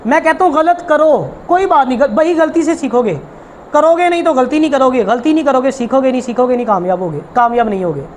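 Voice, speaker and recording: Male shorthand teacher; high, rapid delivery; emphatic, repetitive, coaxing tone. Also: a little hiss or hum. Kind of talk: informal tutorial talk.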